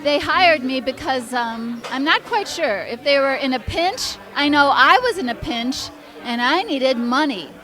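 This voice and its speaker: A woman giving a tribute speech, reminiscing in a slow, rambling way. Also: high voice, animated, fairly bright tone, faint music behind, a faint crowd. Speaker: memorial speaker.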